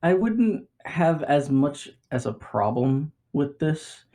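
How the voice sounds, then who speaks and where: A man's voice: fairly high pitch, sing-song, slow, dark tone. A man hosting a casual podcast chat, reading out odd headlines and laughing often. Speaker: podcast host.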